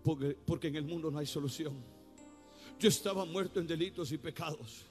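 A male pastor, preaching his testimony outdoors in the rain with fervent, sung and shouted phrases. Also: fairly high pitch, brisk. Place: outdoors in the rain at a bus terminal. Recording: faint music behind.

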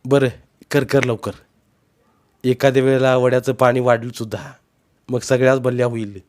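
A brisk, practical village mother, voiced by a male storyteller in a spoken storybook. She rattles off quick household orders with a mid-pitched voice, a touch raised. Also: level tone, darkish tone, lightly acted. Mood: hurried. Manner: hurried, bossy instructions.

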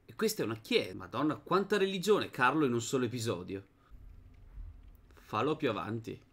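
A young gaming-channel host gives casual let's-play commentary on a dark fantasy game, chatting loosely to viewers and to the game's characters. His medium-pitched, slightly rough voice is bright, forward and a little fast, and it climbs into sudden excited shouts during tense fights.

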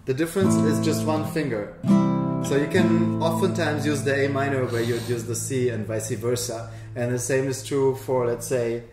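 Relaxed male host in an echoey room. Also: medium pitch, moderate pace, over loud music. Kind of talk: casual interview. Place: bright living room with large window.

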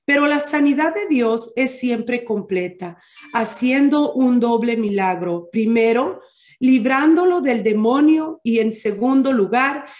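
Slow, echoey woman teaching scripture. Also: fairly high pitch, darkish tone. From Mexico. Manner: deliberate, checks in with listeners. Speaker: Bible teacher. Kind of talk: Bible study teaching. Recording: echoey room.

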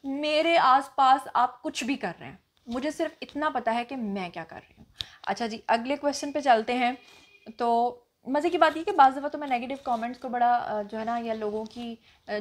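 A woman vlogger with a Pakistani accent, a native Punjabi speaker, answering viewer comments in a casual Q&A, assertive and emphatic. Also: a little high. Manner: assertive, emphatic, self-assured. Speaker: vlogger host.

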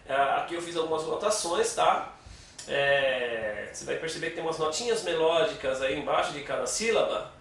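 In a relaxed guitar lesson, a Brazilian man patiently explains and counts the beats out loud in a high-sitting, fairly bright voice. Guitar plays in an echoey room, the mic is distant, and there's slight background noise.

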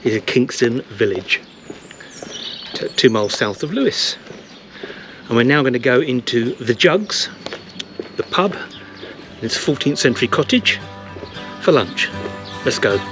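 With music playing behind him, a fifties-aged vlogger walks the village lanes and church grounds outside, chatting with enthusiasm into a camera mic held at arm's length. His mid-range voice is expressive and unhurried, pausing often.

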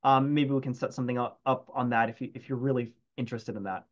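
A man's voice: medium pitch, steady tone, fast talker, highs cut off. A man, an entomologist, answering audience questions over a video call in a casual, hesitant way with many restarts. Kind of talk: casual Q&A after a talk. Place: home room, video call.

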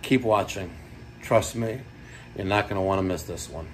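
Plumber vlogger, man in his 40s, New York accent, hyped and animated, phone-filmed in a basement. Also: low-pitched, normal speed, a little hiss or hum. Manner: animated, hyped, talks to viewers. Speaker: plumber and heating technician. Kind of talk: on-the-job vlog narration. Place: house basement boiler room. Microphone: phone camera at arm's length.

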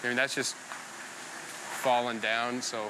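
A man's voice: medium pitch, little pitch movement, takes it slowly. A man casually explaining design changes on site as an attraction designer. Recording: noisy hiss and ambience on location.

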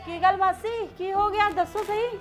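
A woman's voice: very high voice, fairly even intonation, moderate pace, faint music behind. A young woman acting a scheming niece who talks in a meddling, mocking way. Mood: prying. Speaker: niece in a family drama. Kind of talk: Punjabi short film acting.

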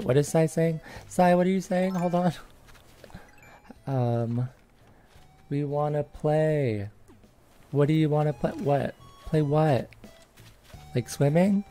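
Speaking slowly and pausing often, a woman in her twenties chats casually during a livestreamed game, bubbly and giggly, with many small cheers. Her voice is low with a dark tone, and there's faint music in the background.

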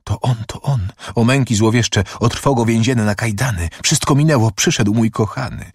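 Frantic young prisoner woman in a storybook reading, pleading and raised, acted by a man with a husky low voice. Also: measured pace, dry recording, studio quality, exaggerated voice. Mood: ecstatic. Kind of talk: audiobook reading of a verse drama.

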